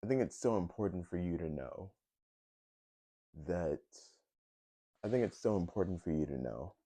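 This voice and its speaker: A man's voice: deep voice, lively intonation, normal speed, warm tone, no echo. A young man talking in a casual personal vlog, hesitant, with many fillers and restarts. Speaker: vlogger.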